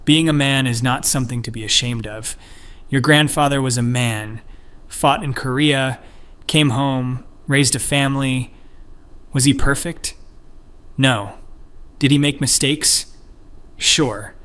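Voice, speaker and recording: A man voicing a firm, reassuring older family elder who speaks with steady conviction. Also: mid-range voice, a little slow, natural voice. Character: firm, older grandfather figure.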